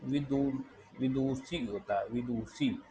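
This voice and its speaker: A man teaching a spelling lesson, dictating words slowly and repeating each one deliberately. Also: mid-range voice, warm tone, a little hiss or hum, low-quality recording.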